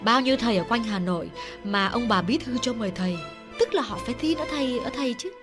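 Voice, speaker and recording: A man voicing a curious, eager woman who questions and flatters a fortune teller. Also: very high voice, fast, music in the background, voice pushed up. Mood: flattering.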